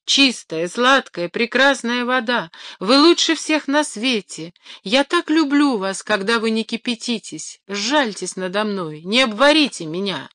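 Storybook half-rooster, high and shrill, flattering and begging, read by a woman; dry close sound. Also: unhurried, few pauses, no echo. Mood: pleading. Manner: crowing, flattering, pleading. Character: small boastful half-rooster, pleading and vain.

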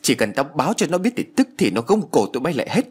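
Man doing a grasping older woman, shrill, husky, fast, accusing, storybook. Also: very animated. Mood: scheming, accusing. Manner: screeching, accusing, rapid. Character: greedy shrewish older woman, shrill, furious.

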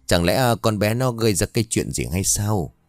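Puzzled village father, questioning, low voice, a man plays him. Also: expressive, moderate pace, no echo.

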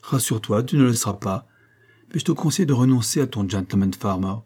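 A jovial, theatrical male opera singer, read by a man, lively and commanding in his talk. The voice sits low and dark, with a husky edge. The delivery is expansive and bright with enthusiasm. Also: fast.

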